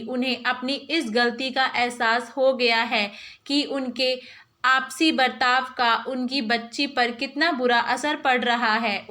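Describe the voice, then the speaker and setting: Woman storyteller, measured and gentle, bright high voice. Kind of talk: scripted story narration.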